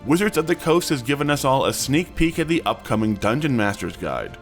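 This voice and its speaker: Male news host, scripted narration in a middle-pitched voice, music bed behind. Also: very animated, fairly quick. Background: background music.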